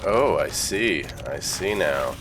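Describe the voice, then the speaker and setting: A man's voice: sits low, animated, slow, music in the background. A man doing casual gameplay commentary, reading game text aloud with dry, joking asides. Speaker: gaming video host.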